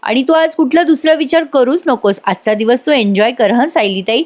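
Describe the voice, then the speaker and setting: A woman's voice: sits high, moderate pace, darkish tone, close to an everyday voice. A woman voicing an eager young helper who fusses over her elder sister figure.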